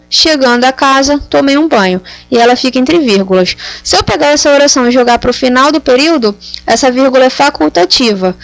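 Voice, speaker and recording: High creaky woman teaching grammar. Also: fairly bright tone, no room sound. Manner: patient, checks understanding with frequent tag questions. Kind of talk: explanatory lesson.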